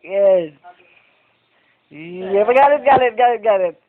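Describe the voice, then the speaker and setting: A woman's voice: mid-range voice, expressive, takes it slowly, phone-quality sound. A woman in a home video coaxing a toddler, playfully repeating words. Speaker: family member coaxing a toddler.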